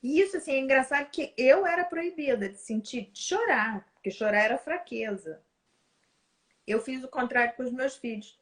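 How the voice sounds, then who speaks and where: High-voiced Brazilian woman, emphatic talk. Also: lively intonation, normal speed, a bit bright. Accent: Brazilian Portuguese. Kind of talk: casual conversation.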